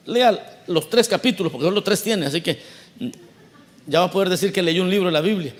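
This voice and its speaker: A man with a high-pitched voice preaches a sermon. He talks to his listeners directly and keeps questioning them. He acts out the voices he quotes with broad swings in pitch and loudness. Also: brisk. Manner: conversational preaching, asks the congregation questions. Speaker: pastor.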